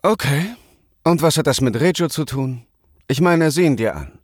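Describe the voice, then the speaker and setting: A man's voice: fairly high pitch, lively intonation, moderate pace, no room sound, studio quality, voice pushed up. Brief: male reader as a cheeky young heroine in a storybook, raised and breezy. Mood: teasing. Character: carefree young woman, bold, mocking.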